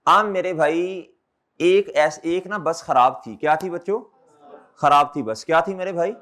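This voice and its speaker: Brief: male lecturer with a high voice, drilling students with repeated questions. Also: measured pace, a bit bright. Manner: calls students brother and children. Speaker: accountancy teacher. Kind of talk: classroom lecture.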